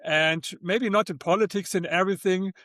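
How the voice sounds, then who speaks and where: Older german guy with accent, kinda high voice, dry sound, keeps repeating words. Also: steady tone, fairly bright tone, no room sound. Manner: halting, repeats words, non-native phrasing. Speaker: guest author. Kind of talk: interview conversation.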